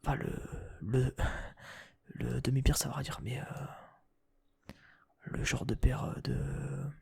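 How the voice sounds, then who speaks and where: Breathy whispering young man. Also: mid-range voice, steady tone, takes it slowly, a little mellow. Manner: casual, hesitant, thinking aloud, frequent restarts; swears casually. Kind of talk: whispered ASMR chat.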